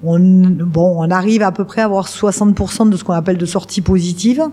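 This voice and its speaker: On the radio, the middle-aged director of a work-integration garden describes her organisation's work, repeatedly hesitating and restarting. Her voice is lowish, mellow and steady in tone, and she talks briskly.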